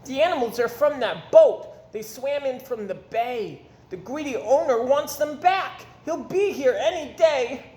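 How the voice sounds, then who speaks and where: Man doing a high, urgent little messenger. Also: lively intonation, a little slow, hardly any pauses, darkish tone. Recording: roomy echo, faint background noise.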